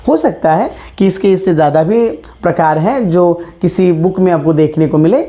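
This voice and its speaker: A woman teaching a grammar lesson, who asks questions and answers them herself and repeats key terms slowly. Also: fairly low pitch, warm tone.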